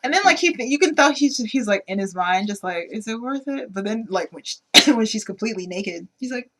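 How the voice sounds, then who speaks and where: Animated woman retelling a movie. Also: medium pitch, fairly quick, slight background noise. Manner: animated retelling, acts out characters' lines. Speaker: podcast co-host. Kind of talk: casual film discussion.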